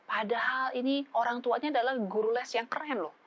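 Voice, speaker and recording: A woman psychologist, giving advice in a relaxed talk show chat, full of fillers and acted-out family dialogues. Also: fairly high pitch, brisk, dull audio. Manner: acts out parent-child dialogues with shifting voices; frequent fillers, relaxed conversational. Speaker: psychologist guest.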